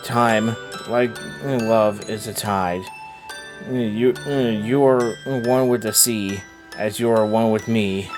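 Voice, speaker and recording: A man's voice: on the low side, fairly even intonation, slow pace, music in the background, voice pushed down. A man voicing a devoted wife's farewell letter in a video game, solemn and poetic. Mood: tender, mournful. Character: tender, devoted dying wife writing farewell letter.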